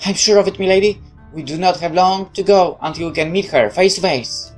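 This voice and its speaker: A woman's voice: fairly quick, darkish tone, faint music behind, natural voice. A woman voicing a devoted, anxious female retainer in a game story, earnest and deferential toward her lady. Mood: resolute, devoted. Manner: earnest, deferential, higher-pitched.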